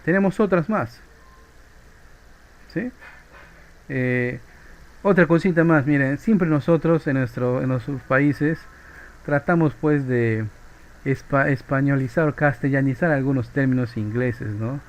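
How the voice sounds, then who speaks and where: A man's voice: mid-range voice, unhurried, pauses often, rough recording. Peruvian man lecturing a physics class. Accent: Peruvian Spanish. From Peru. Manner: chatty, ends phrases with a questioning "¿no?". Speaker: physics teacher.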